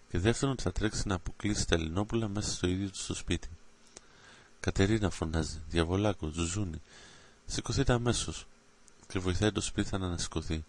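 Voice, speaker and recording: An adventure tale is read aloud by a man narrating in a very deep voice, his delivery dramatic yet steady throughout.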